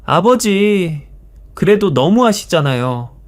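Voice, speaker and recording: A man's voice: fairly high pitch, normal speed, a little mellow, lightly acted. A man voicing a guilty grown son who pleads and apologizes to his father in a storybook reading. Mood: desperate.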